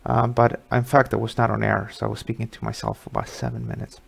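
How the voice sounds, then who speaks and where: A man's voice: on the low side, sing-song, fast, gravelly, breathy edge. A middle-aged man from Sweden hosting a live market webinar, talking casually through charts with many fillers.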